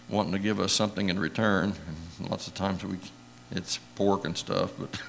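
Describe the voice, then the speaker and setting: An older church elder preaches in a homespun, storytelling way. His voice sits low and has a gravelly edge. He wanders between anecdotes, gets emotional, and laughs softly as he goes. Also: slight background noise. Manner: rambling, emotional, chuckles often. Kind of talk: folksy sermon storytelling. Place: church sanctuary.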